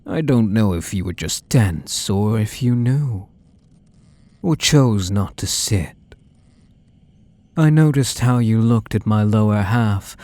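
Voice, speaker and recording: A man voicing a possessive young half-spider bully in an intimate ASMR role-play, coaxing and teasing softly, tender yet menacing. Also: mid-range voice, no room sound. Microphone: close microphone.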